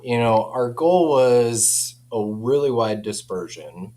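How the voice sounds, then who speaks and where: A man with a mid-range, dark-toned voice speaks slowly but animatedly. He's an audio company representative appearing as an interview guest, chatting informally about products and often presenting points as his personal opinion.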